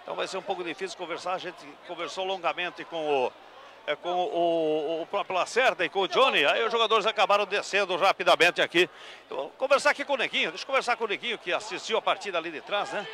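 A man's voice: sits high, fast, bright, forceful tone. A man reporting live from a futsal court after a match, chatting in a rambling way with lots of fillers. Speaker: radio sideline reporter. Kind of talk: live post-match radio interviewing. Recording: noisy live gym broadcast.

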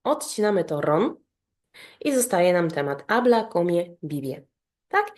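A woman with a somewhat low-pitched voice leads an online grammar lesson. She walks through each point patiently, spells out verb endings in a steady rhythm, and keeps checking that the listener is following. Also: takes it slowly. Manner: explains step by step, often checks with "tak?". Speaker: Spanish teacher.

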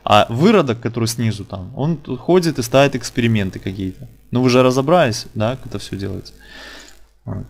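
A man's voice: medium pitch, lively intonation, fairly quick, creaky. A man hosting a casual online interview, talking colloquially and insistently, repeating phrases for emphasis. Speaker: interviewer and channel host.

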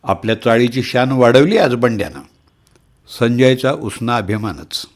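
A middle-aged man reading a humorous short story aloud, lively and shifting his voice to act out the characters. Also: mid-range voice, unhurried. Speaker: story reader.

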